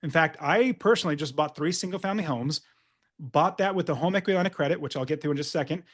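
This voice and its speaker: A man's voice: fairly high pitch, fast. A man coaching real estate investors in an upbeat, emphatic webinar sales presentation.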